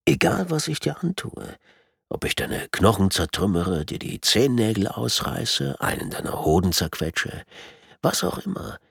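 A man with a raspy, creaky voice voicing a calm, sadistic torturer who speaks in a soft, menacing whisper. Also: lowish voice, a little slow, no echo, clean studio sound, voice pushed up, exaggerated voice. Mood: quiet menace. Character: calm sadistic male torturer posing as surgeon.

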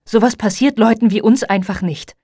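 A woman's voice: on the high side, moderate pace, warm tone, slightly rough, no room sound. Woman reader voicing a shaky anxious mother, middle-aged, pleading tone, dry close studio sound, audiobook character. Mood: distraught. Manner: trembling, pleading.

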